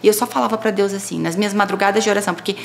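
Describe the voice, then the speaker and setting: A woman's voice: mid-range voice, rapid-fire, vocal fry. A Brazilian woman on a podcast sharing her personal faith testimony in casual talk, telling it expressively and acting out the conversations she describes. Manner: expressive storytelling, acting out dialogue. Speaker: podcast guest.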